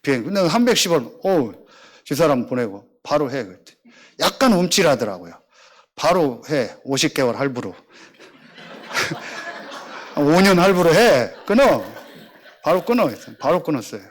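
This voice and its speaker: A man's voice: moderate pace, long pauses. A middle-aged male pastor, preaching a sermon and acting out the voices in his stories. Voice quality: animated storytelling, acting out dialogue in lower voice.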